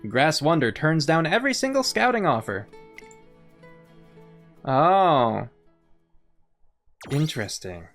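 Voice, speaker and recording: A woman's voice: deep voice, very animated, slow, long pauses, faint music behind. A woman commenting casually on a game as she plays, thinking aloud in a chatty way. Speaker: game streamer. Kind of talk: casual let's-play commentary.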